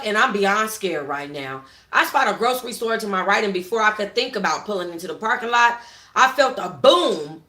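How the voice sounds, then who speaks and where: Livestreaming her book club from home on a phone, this woman has a sharp voice on the high side. She reads passages with plenty of expression and chats to viewers in a casual, slangy way, and the room gives the sound a noticeable echo.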